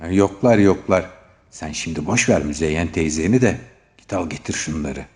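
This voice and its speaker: A man doing a shouting old football fan. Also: low-pitched, expressive, moderate pace. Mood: brusque. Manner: shouting loud chants.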